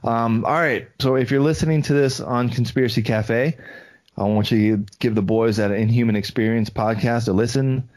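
A man's voice: medium pitch, steady tone, moderate pace, a little mellow, dry recording. A man co-hosting a podcast, chatting casually and tossing "man" into his sentences. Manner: laid-back, peppers speech with "man". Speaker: podcast co-host.

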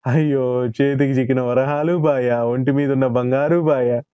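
A man's voice: fairly low pitch, level tone, normal speed, dry recording, highs cut off, lightly acted. A man voicing a greedy, panicky village man who wails and pleads in a storybook tale. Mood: wailing. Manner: wailing, pleading.

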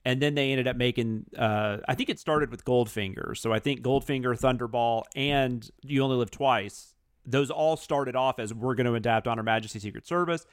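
A man's voice: medium pitch, normal speed, clean tone, dry recording, studio quality. A man hosting a podcast in casual chat, rambling and self-deprecating, often laughing at himself. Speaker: podcast host.

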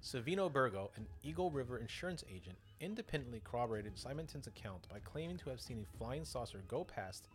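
A man's voice: mid-range voice, fast talker, hardly any pauses, faint music behind. A man hosting a podcast, telling strange stories in a casual, joking way with asides and self-corrections. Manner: lively, joking, self-interrupting. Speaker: podcast host.

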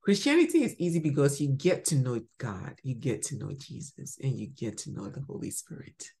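Brisk and bass-voiced, a Ghanaian woman hosting a podcast offers a devotional teaching with huge pitch swings. Her emphatic style ranges from bright exclamations to gentle murmurs.

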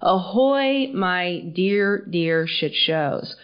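On her casual solo podcast, a woman speaks in a fairly low voice at normal speed, frank and informal with plenty of swearing. The sound is dull and muffled, as if she were underwater.

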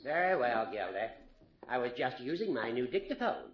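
An actor playing a fussy, pompous older judge in a 1950s radio comedy, speaking in a formal, declamatory way. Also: male voice, medium pitch, very animated, normal speed, natural voice. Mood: dry, fussy. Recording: muffled, noisy 1950s radio recording.

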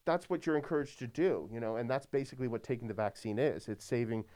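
A priest chatting casually on a podcast, his voice smooth and resonant at an ordinary middle pitch. He rambles easily and often leans on "like" and "you know.". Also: fast, a little mellow. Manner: easygoing, heavy use of "like" and "you know".

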